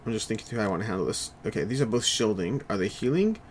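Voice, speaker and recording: A man talking fast as he plays a board game on stream, working through his moves out loud and often trailing off into mutters. A faint hiss sits behind his voice. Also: lowish voice, expressive. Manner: quick, thinks aloud, mutters to himself. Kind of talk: casual chat while playing.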